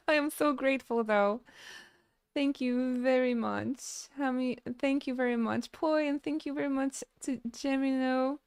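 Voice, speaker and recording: A woman game streamer chatting casually with her live audience, halting and stammering as she thanks viewers between frequent laughs. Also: high-pitched, fairly even intonation, clean tone, dry recording.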